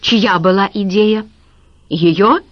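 A woman's voice: medium pitch, slow, no room sound, lightly acted. A woman voicing a bitter middle-aged businessman who speaks coldly and sarcastically. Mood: cold sarcastic. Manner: cold, cutting and sarcastic. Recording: dull lo-fi recording.

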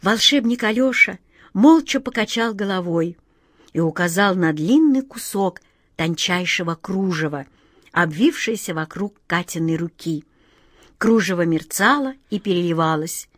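A woman narrating a children's storybook in a calm, expressive reading. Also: lowish voice, measured pace, no echo, clean studio sound.

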